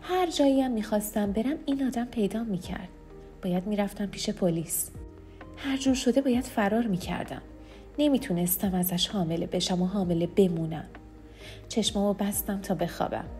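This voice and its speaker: A woman reading a novel aloud in the first person, with steady, hushed narration. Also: medium pitch, soft background music. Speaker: audiobook narrator.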